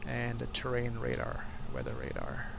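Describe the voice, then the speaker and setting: A man's voice: mid-range voice, very animated, normal speed. A man giving casual, think-aloud flight simulator commentary and making pilot radio calls. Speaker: flight simulator streamer playing an airline pilot. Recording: clear cockpit noise behind voice. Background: aircraft cockpit ambience from the simulator.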